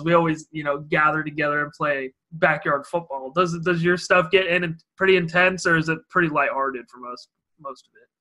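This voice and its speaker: A man's voice: on the high side, bright, forceful tone. A young man from Idaho hosting a casual podcast interview, asking loose, rambling questions full of fillers. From Idaho, USA. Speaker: podcast host.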